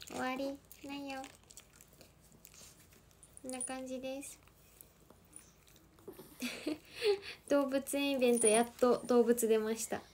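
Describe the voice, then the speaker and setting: A young woman with a high voice talks at an easy, leisurely pace. She chats casually with her stream viewers from her family home. She keeps softly coaxing her dogs to settle down. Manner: chatty, reads out viewer comments and coos softly at her dogs. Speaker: livestream host. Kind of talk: casual livestream chat.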